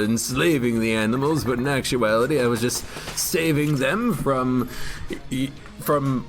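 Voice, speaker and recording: A man voicing a weary, patient Santa who talks slowly and kindly to a child. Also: medium pitch.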